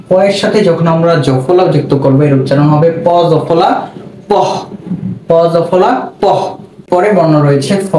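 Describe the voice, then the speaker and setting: A man's voice: fairly high pitch, warm tone. A man teaching a spelling and pronunciation lesson, saying each sound twice and asking the listener questions. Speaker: Bengali language teacher. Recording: roomy with faint background noise.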